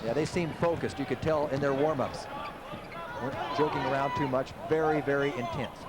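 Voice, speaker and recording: A man giving relaxed, conversational basketball analysis as the color commentator. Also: mid-range voice, brisk.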